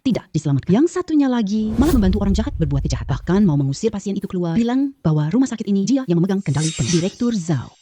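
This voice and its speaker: A woman voices the female roles in a dubbed short drama. Her tone is mellow and lively, and she speaks with authority over faint background noise. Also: medium pitch, rapid-fire, hardly any pauses.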